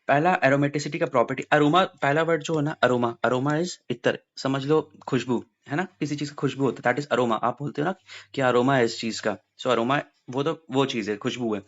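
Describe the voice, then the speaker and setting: Young male coaching teacher, animated explainer, drills points by repetition, slightly dull recording. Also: mid-range voice. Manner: lively, mixes Hindi and English, repeats key points. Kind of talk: explaining science exam questions to students.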